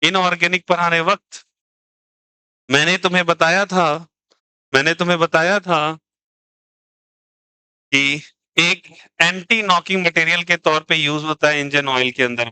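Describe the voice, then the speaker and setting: Chemistry teacher guy, bright crisp voice, teases the class a lot, dry close mic. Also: fairly high pitch, fairly even intonation, moderate pace, pauses often, no room sound, rough recording. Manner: teasing, jokey, asks students to answer. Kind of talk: lively classroom lecture.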